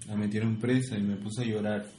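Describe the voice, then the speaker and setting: A young man co-hosting a podcast, dry and offhand, mumbling his punchlines quietly. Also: lowish voice, flat delivery, a little fast. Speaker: podcast co-host. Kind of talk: casual podcast banter. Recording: echoey room with faint noise.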